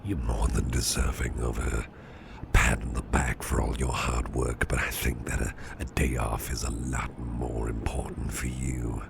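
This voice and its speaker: In an unhurried, exaggerated voice with little pitch movement, a man plays a protective boss gently fussing over an exhausted employee in a soft, close-attention ASMR roleplay. His very deep, gravelly half-whisper is soothing and reassuring, marked by hesitant, repeated phrases. The recording is close, with loud background noise.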